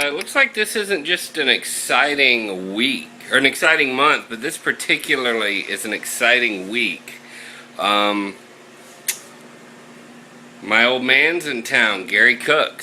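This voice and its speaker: A man's voice: lowish voice, bright, forceful tone, a little hiss or hum, poor audio. A man in a casual daily vlog, talking in a chatty, self-deprecating way with frequent laughs, at home in his kitchen. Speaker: vlogger.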